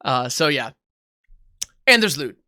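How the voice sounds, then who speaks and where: A young man hosting a podcast in relaxed, chatty talk with fillers. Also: mid-range voice, slow pace, no room sound, studio quality. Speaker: podcast host. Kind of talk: casual podcast chat.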